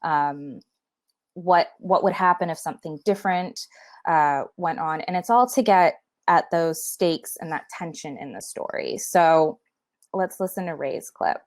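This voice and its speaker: A woman's voice: on the low side, a little slow. A woman giving a talk on storytelling, explaining step by step with frequent fillers. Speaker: podcast speaker on storytelling. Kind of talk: talk presentation.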